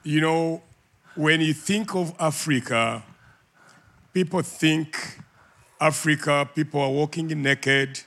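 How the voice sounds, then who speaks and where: An older man from Uganda telling a story in an interview, animated and laughing often. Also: a little high, slow pace, pauses often. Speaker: guest, ministry leader.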